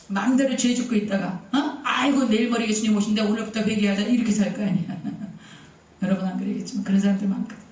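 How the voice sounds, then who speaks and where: A woman pastor preaching a sermon in a chatty way, firing rhetorical questions at the congregation and acting out quoted speech. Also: sits high. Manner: acts out quoted speech, at times shouting. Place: church sanctuary. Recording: echoey hall from far off.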